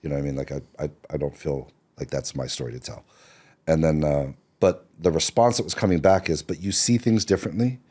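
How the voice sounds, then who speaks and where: Speaking briskly in an extremely low, warm, slightly rough voice, a middle-aged Seattle man appears on a podcast. The screenwriter recounts his story in a relaxed, rambling way, full of fillers and false starts.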